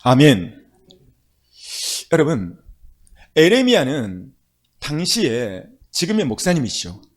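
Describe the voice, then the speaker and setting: A man's voice: fairly high pitch, wildly swooping pitch, slow. A male pastor preaching a sermon, telling stories with emphatic, rising exclamations.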